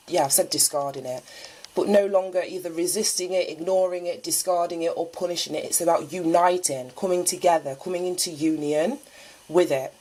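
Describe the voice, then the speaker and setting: A woman with a fairly low, husky voice, nose stuffed up from a cold. She gives a chatty spiritual card reading, musing aloud and sometimes reading from a guidebook. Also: darkish tone, rough recording. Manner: chatty and musing, thinks aloud with small laughs. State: stuffy-nosed from a lingering cold. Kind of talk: solo divination reading, partly read aloud from a guidebook.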